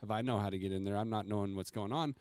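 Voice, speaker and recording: A man's voice: lowish voice, darkish tone, clear, resonant tone, no echo, studio quality. Rambling man, podcast co-host. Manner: rambling, halting questions with many fillers. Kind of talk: casual bar banter.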